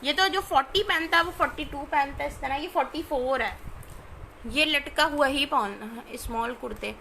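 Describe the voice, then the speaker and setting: A woman, chatting informally as she sells clothes on a live stream and often checking in with her listeners, over clear background noise. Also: high-pitched, moderate pace, bright, forceful tone. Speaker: live online clothing seller. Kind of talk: casual live shopping sales chat.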